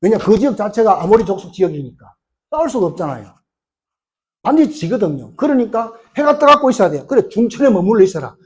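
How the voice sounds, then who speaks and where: Male pastor preaching, husky voice, pitch swinging all over, keeps asking the crowd questions. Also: fast talker. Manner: animated, fires rhetorical questions at the congregation. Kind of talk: sermon.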